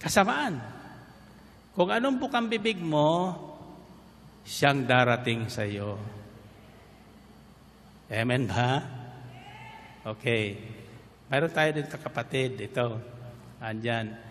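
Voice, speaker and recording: A man's voice: medium pitch, expressive, slow pace, long pauses, a bit bright. A man preaching a sermon to a congregation, mixing in English and repeatedly calling for "Amen" responses. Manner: mixes Tagalog and English, calls for "Amen" responses. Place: large hall with congregation. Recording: reverberant hall, faint background noise.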